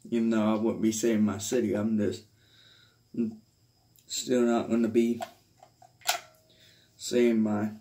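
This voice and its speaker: A hobbyist vlogger shows off his collection from a small carpeted bedroom, holding the phone or camera himself. His medium-pitched, slightly mellow voice rambles hesitantly and often trails off, with a little background noise.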